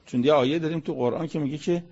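A man's voice: a little high, mellow, breathy edge, highs cut off. A man lecturing on Quran verses in a conversational sermon style, asking rhetorical questions and reciting Arabic verses before explaining them.

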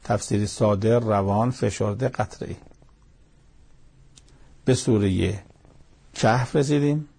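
Gravelly, husky man teaching scripture. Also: fairly low pitch, pauses often, dark tone. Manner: plain, conversational explaining with retold dialogue. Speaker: Quran interpreter. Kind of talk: colloquial Quran commentary lesson.

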